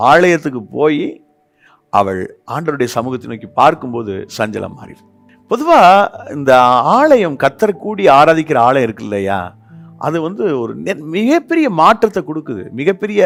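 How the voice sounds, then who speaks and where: A man with a Tamil accent preaching a sermon as pastor, swinging between loud exhortation and soft confiding. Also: fairly high pitch. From India.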